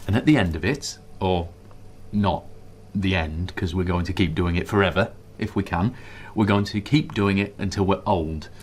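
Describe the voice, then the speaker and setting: The voice sits low and natural, with a little hiss or hum on the recording. It belongs to an actor in a radio drama portraying a greying husband and father of middle age, whose wry, grumbling dryness gives way to eager inspiration as he briskly rallies the family behind his plan.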